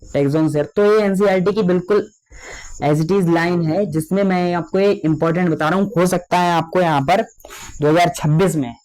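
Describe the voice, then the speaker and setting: A young man teaching a biology lecture, slowly spelling out key terms for note-taking and often calling his students children. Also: high voice, darkish tone. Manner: slow, drawn-out dictation of key terms; repeats fillers addressing students as children.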